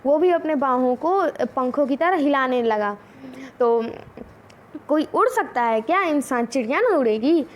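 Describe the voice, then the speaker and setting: A woman's voice: high voice, lively intonation. A woman teacher explaining a children's story, reading it out and voicing the characters. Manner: repeats lines slowly, asks the class questions.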